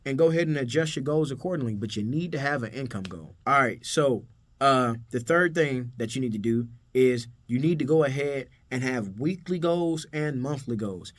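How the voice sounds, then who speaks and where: A man's voice: mid-range voice, expressive, moderate pace. A man giving a casual, emphatic motivational business talk, speaking slangy and calling the viewer bro. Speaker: photo booth business owner and coach.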